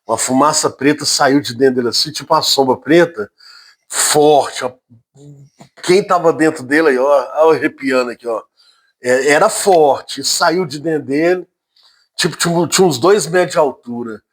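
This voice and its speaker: A man with a Brazilian accent casually recounting a strange personal experience, halting and repeating his words, with frequent emphatic asides. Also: on the high side. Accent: Brazilian Portuguese. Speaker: storyteller.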